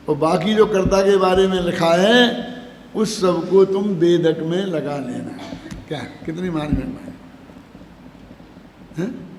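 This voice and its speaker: An older man giving a scripture discourse, explaining slowly, chanting verses and asking the audience questions. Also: high voice, a little mellow. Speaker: Jain scripture lecturer. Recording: echoey hall, faint background noise.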